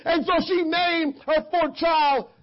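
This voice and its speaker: A man preaching a fervent sermon, impassioned, often shouting and calling out to the congregation. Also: very high-pitched, fairly even intonation, slow pace. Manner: impassioned, shouting, call-and-response. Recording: dull lo-fi church recording.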